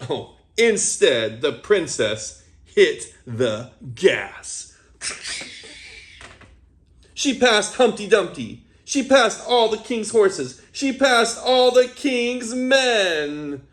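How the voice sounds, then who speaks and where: Reading a picture book aloud to young kids, this man plays the animated storyteller and talks to them between pages. His voice is high, and he draws out his words.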